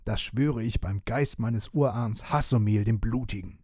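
A man putting on a bewildered old vampire knight for a storybook, speaking in stiff, courtly phrases and often stammering. The voice is mellow and husky, and it sits close and dry. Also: lowish voice, unhurried, dry recording. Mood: vengeful. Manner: stammering, archaic formal speech. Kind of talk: storybook reading.

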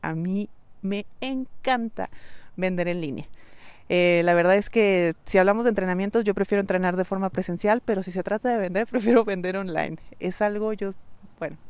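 A Mexican woman speaks briskly at a medium pitch, her tone slightly mellow and clean, with no room sound. As host of her own podcast, she gives a solo monologue on online business, talking directly to the listener in a coaching manner and repeating key points.

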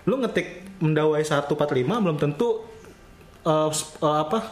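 A man's voice: on the high side, expressive, moderate pace. A man asking curious follow-up questions in casual chat. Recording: echoey room.

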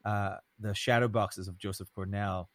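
An American man hosting a conversational podcast, speaking haltingly and circling his points with frequent little tag words. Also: lowish voice, fairly even intonation, no room sound. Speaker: host, rabbi.

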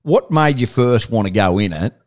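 A low-pitched Australian man with a broad Queensland accent hosts a casual interview. He talks in a blokey, wordy way, wandering through his questions. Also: lively intonation, normal speed, a little mellow. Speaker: radio interviewer.

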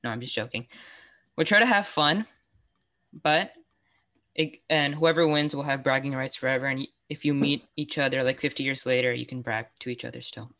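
This is a brisk bass voice with a fairly bright tone, belonging to a young adult woman running a trivia quiz in a casual online chat. She's giggly and keeps tripping over her words and starting again.

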